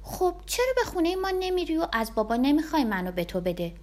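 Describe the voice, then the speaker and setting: A woman reading a storybook, voicing an eager, mischievous little boy who pleads in a raised, lively voice. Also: high-pitched, voice pushed up.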